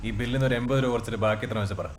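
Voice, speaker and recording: A man's voice: medium pitch, noisy background, lightly acted. Curt hot-tempered customer, played by a man. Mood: irritated. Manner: curt, rapid, irritated. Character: proud short-tempered young male customer.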